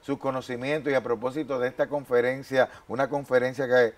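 A man's voice: mid-range voice, level tone, brisk. A man hosting a television interview on a faith program, speaking formally with thanks and greetings.

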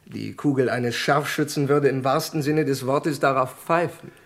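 A man's mid-range voice plays an intelligence security expert in a German radio crime drama, polite and self-assured as he explains matters formally and plainly. His intonation stays fairly even, his speed normal, and the acting is light.

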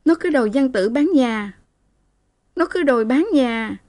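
A woman's voice: on the high side, measured pace, dark tone, voice pushed up, lightly acted. A woman voicing a young married woman who has been beaten, speaking in a raised, pleading, tearful way.

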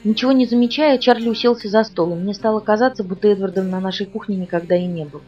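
Brisk woman audiobook narrator. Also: medium pitch, darkish tone. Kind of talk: scripted first-person audiobook narration. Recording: dull lo-fi audio from a distance, with music underneath.

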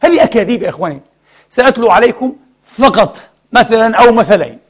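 A man's voice: extremely high pitch, animated, quick pace, husky. A male preacher delivering an impassioned sermon, firing rhetorical questions at his congregation and calling them brothers. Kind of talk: Friday sermon. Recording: mp3 sermon audio.

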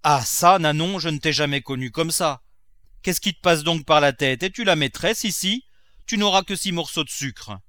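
A man's voice: a little high, normal speed, bright, forceful tone, no echo, pitched above the performer's own voice. A man playing an old miserly cooper who rules his house and speaks in a curt, commanding way. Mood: scolding.

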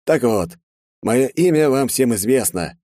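A man's voice: medium pitch, expressive, a little slow, dark tone, no echo, studio quality, pitched above the performer's own voice, close to an everyday voice. A man doing a gloating, mocking villain. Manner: mocking, theatrical, sneering. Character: gloating masked male terrorist leader.

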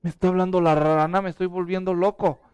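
Guy doing an old man with a cane, flat and unbothered, clean dry sound. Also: high-pitched, fast, clean tone, dry recording, muffled recording, close to an everyday voice.

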